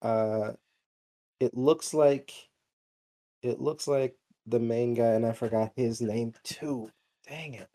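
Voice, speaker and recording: A man talking casually on a podcast with a warm, mellow tone. He rambles, restarts sentences and fills gaps with ums and likes. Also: medium pitch, slow pace. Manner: rambling, many fillers and restarts. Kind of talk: casual chat.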